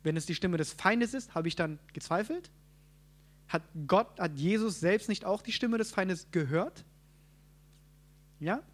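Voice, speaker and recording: High-voiced man preaching. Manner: asks the audience questions, quick asides. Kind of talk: sermon teaching.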